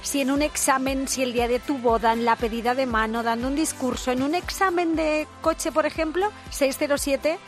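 A woman co-hosting a live radio program, animated and chatty, reading out and acting out listener stories. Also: sits high, moderate pace, faint music behind. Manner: animated, laughs easily, acts out anecdotes.

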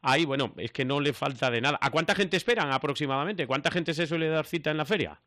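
A man with a slightly raised voice hosts a regional radio program, running through the event schedule and putting quick, friendly questions to his guest. The sound is dry and close. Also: fairly high pitch, pushed and bright, dry recording. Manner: friendly, brisk questions and short acknowledgements. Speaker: radio host. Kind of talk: regional radio interview and presenting.

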